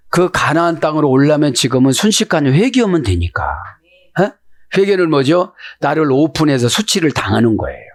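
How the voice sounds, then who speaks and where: A male pastor preaches and explains the Hebrew text, his voice sitting somewhat high and swinging widely in pitch. He keeps checking on his listeners with short questions. The sound is close and dry, with no room around it. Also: no echo. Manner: lively, keeps prodding the listeners with "eh?".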